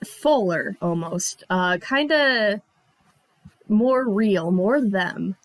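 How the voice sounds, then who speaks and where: A woman playing a tabletop game, speaking in a halting way and correcting herself as she goes. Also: medium pitch, expressive, no echo, rough recording. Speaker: player.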